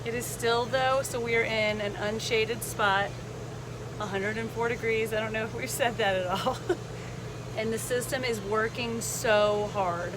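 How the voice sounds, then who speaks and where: A woman with a fairly high voice tells a casual travel vlog story. Her delivery is animated and chatty, with a sarcastic lilt of mock enthusiasm. Clear vehicle-like background noise sits behind her. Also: measured pace. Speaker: travel vlogger. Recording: noisy vehicle ambience behind voice.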